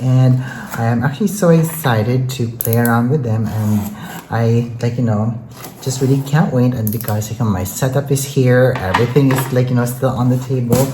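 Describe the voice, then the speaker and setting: A beauty vlogger with a medium-pitched, darkish voice chats enthusiastically and casually through a makeup product review, often saying things like "you know." The recording has roomy echo and faint background noise.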